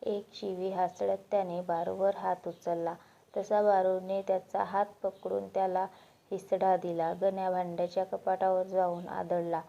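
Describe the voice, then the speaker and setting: A woman narrating a moral story with a steady, unhurried reading. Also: fairly low pitch, creaky. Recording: dull lo-fi recording.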